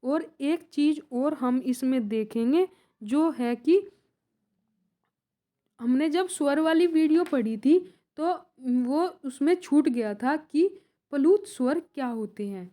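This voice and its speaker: A woman's voice: high-pitched, mellow. A young woman teaching an exam-prep grammar lesson, who asks a question and then answers it herself. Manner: slow, repeats points as questions and answers.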